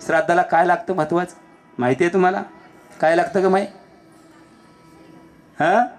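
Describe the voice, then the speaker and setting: Animated Marathi kirtan preacher, high voice. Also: male voice. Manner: animated, shifts between shouting and hushed lines, acts out characters. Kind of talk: devotional kirtan sermon with storytelling.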